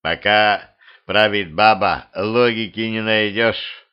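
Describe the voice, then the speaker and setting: A man's voice: on the low side, steady tone, takes it slowly, clean tone, highs cut off. A man voicing a blunt, contemptuous colonel who speaks with scorn. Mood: grim. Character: gruff contemptuous male colonel.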